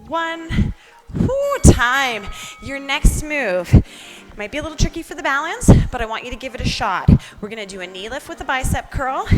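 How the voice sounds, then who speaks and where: Woman, fitness instructor, high pitch, slow measured pace, encouraging workout cues, active while talking. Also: fairly bright tone, low-quality recording. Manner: exerting herself while talking, exercising along. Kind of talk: upbeat workout coaching with counts and cues.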